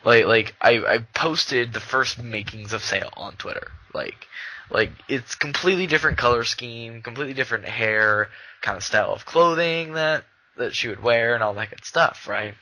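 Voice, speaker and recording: A man's voice: medium pitch, normal speed, sharp tone, poor audio. A young man co-hosting a podcast in casual chat, rambling with many fillers and restarts. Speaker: podcast co-host.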